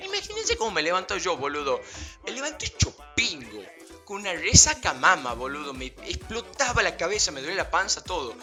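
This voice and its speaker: A man's voice: high voice, huge pitch swings, brisk, bright, forceful tone, faint music behind. A young man telling a casual, slangy anecdote to his viewers, rambling with fillers and breaking into laughs. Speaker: vlogger.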